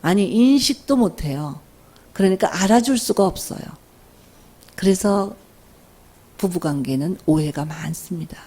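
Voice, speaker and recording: An older woman giving a faith-based lecture, telling stories from her family life and asking the audience questions in an animated way. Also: lowish voice, a little slow, pauses often, slightly rough. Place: workshop lecture room.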